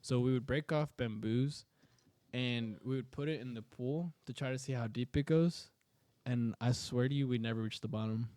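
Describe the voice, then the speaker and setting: A man's voice: mid-range voice, moderate pace, dark tone, no room sound. A young man casually telling a spooky story to friends on a podcast, rambling with many fillers and restarts.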